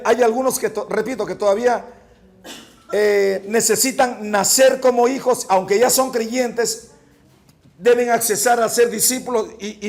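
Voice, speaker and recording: A male pastor preaching a fervent sermon, moving from hushed storytelling to shouted points and often repeating words. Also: extremely high pitch. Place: church.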